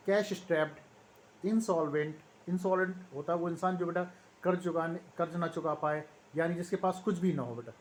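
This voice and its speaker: A man with an Indian accent teaching a vocabulary lesson in Hindi-English, rattling off lists of English words and addressing students fondly. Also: sits high. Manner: rattles off word lists, calls students "beta".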